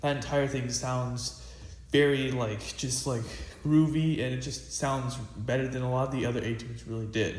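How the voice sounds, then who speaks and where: This is a teenage boy, a student drummer, casually teaching snare drum practice at a drum pad in a practice room. His mid-range voice keeps a steady tone at normal speed, though he rambles, restarts and leans on fillers. Loud hiss and room echo fill the recording.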